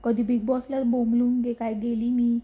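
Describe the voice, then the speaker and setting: High-voiced sharp-tongued woman teasing followers. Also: level tone, measured pace, phone-quality sound. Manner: bursts of laughter and mock scolding. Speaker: content creator answering followers. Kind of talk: casual chat reading and replying to comments.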